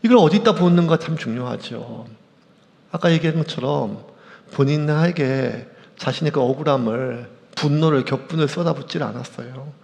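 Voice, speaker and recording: A male pastor preaching a sermon in a church, animated and acting out quoted voices. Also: mid-range voice, moderate pace, vocal fry. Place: church sanctuary. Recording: echoey church hall.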